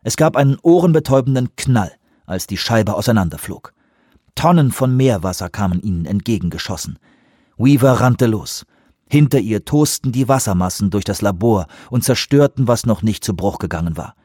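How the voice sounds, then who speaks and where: A man narrating an action scene in an audiobook with steady, tense storytelling. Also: lowish voice, normal speed, slightly rough, no room sound, clean studio sound.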